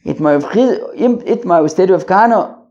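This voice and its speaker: A man teaches Talmud informally, reading aloud and explaining line by line, haltingly, thinking aloud and repeating phrases. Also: high-pitched, a little mellow. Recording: dull lo-fi recording.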